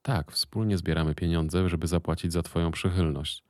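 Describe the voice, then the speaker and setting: Recorded cleanly in a studio with no room sound, a man with a low, slightly mellow, natural voice speaks at normal speed with fairly even intonation. He plays a middle-aged businesswoman, an anxious mother protective of her son, delivering lines firmly and guardedly.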